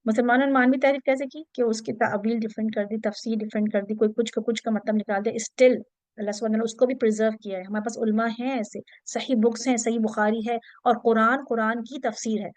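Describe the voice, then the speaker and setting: A woman teacher gives an interactive class lecture in a fairly high voice. She explains step by step, drops in English terms and keeps checking that her students follow. The sound is dry and close, with little room echo. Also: fairly even intonation, darkish tone. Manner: explanatory, checks in often with listeners.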